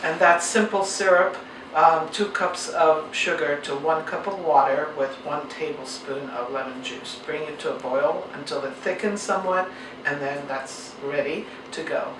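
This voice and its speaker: A woman's voice: sits low, fairly even intonation, moderate pace. Woman home cook, patient demo voice, distant mic in an echoey room. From Turkey. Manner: patient, explanatory, homely. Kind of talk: cooking demonstration. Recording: roomy, distant mic, faint noise.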